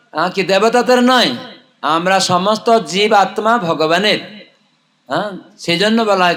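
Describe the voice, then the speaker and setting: A man's voice: high voice, a bit bright. A man preaching with a non-native Bengali accent, telling parables in a didactic way and answering his own questions. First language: not Bengali. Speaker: religious preacher. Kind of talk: sermon with storytelling, addressing villagers.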